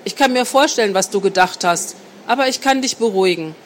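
A woman reading the part of a confident, worldly man who talks in a smooth, teasing, persuasive way, in an adult audiobook. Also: mid-range voice, brisk, a little hiss or hum, natural voice. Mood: seductive. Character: confident seductive grown man, calm and worldly.

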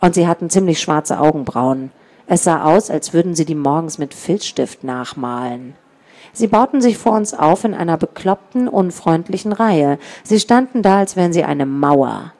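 A woman's voice: sits low, animated, normal speed, a little mellow. A woman reading a children's story aloud, giving the children and the gang members their own voices. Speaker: audiobook narrator.

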